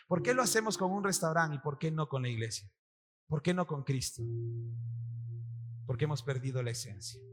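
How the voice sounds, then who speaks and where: Faint music and long hall reverb surround this sermon by a male pastor whose voice is a little high and whose accent is Peruvian Spanish. Before his congregation in a church hall, he animatedly acts out quotations and keeps putting questions to the room.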